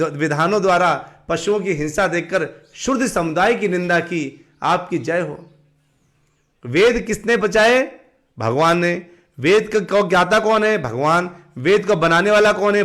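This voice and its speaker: A man giving a live-streamed devotional talk, asking the audience questions and answering them himself, sometimes breaking into slow sung chanting. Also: high voice, a bit bright. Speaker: devotional teacher.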